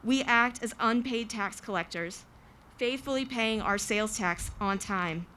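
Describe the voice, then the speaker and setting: Bright, forceful woman giving a protest speech. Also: on the high side, unhurried, slight background noise. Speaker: small business owner speaking at a rally. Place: outdoors in front of a government building.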